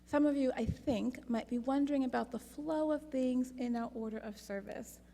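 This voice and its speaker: Woman worship leader, slightly high and gravelly, measured delivery, long hall reverb. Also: mellow. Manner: measured and deliberate, with dry asides. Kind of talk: addressing a congregation during a service. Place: congregation's sanctuary.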